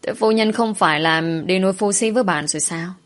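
A woman's voice: medium pitch, brisk, natural voice. A woman voicing a male palace secretary who is easygoing and teasing, with a light, reassuring manner.

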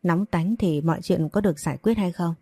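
A gentle middle-aged mother soothes and pleads in a storybook audio drama, read by a woman. Her voice is low and mellow, recorded dry. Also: brisk, slightly rough, no echo. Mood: gentle concern.

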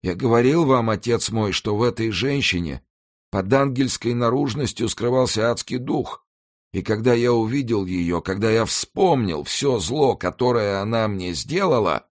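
Male reader doing a dying executioner: high-pitched, swooping, desperate pleading. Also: expressive, normal speed, lightly acted. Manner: pleading, anguished, breathless. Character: dying, terrified male executioner begging absolution.

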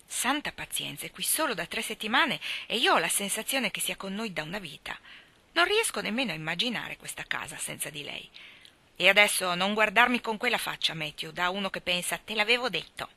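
A woman voicing a stern, no-nonsense older woman who brings up a child, speaking in a brisk, firm, scolding way. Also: mid-range voice, big pitch swings, vocal fry, bright, forceful tone, exaggerated voice. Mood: musing.

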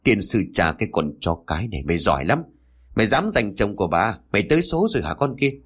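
A man's voice: on the low side, sing-song, fast talker, fairly bright tone, husky, exaggerated voice. A man voicing a jealous young wife in a spoken story, scolding and tearful. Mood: furious. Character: jealous, shrill young wife, quick to fury.

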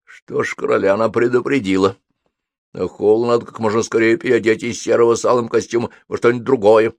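Sophie, a man doing a sharp-tongued young woman. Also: on the low side, fairly even intonation, fast talker, gravelly, no room sound. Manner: sharp, demanding.

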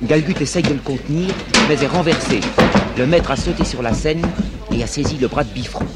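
A man's voice: fairly high pitch, fairly quick, very noisy. A man narrating the stage directions of a 1950s French radio play.

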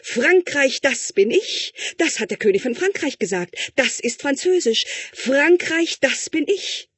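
A man voicing an anxious, fawning royal tutor who flatters and speaks slowly and high. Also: breathy edge, dry recording, exaggerated voice. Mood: pompous. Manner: obsequious, flattering, high and drawn-out.

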